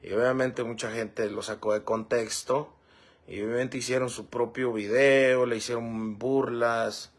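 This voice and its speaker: Gravelly husky man chatting. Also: mid-range voice, steady tone, measured pace. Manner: rambling, fillers like "este" and "¿verdad?". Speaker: livestream host reading comments. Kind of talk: casual livestream chat.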